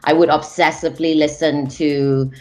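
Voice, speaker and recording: A woman's voice: sits low, little pitch movement, moderate pace, a little mellow. A woman from Malaysia, a music manager, talking reflectively in a casual interview, with frequent restarts and fillers over a video call.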